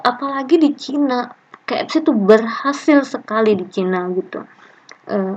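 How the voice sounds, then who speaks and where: A woman with a mid-range, slightly mellow voice lectures in an online class, reading student comments aloud and leading the discussion in a chatty, joking way. The call audio is muffled and lo-fi.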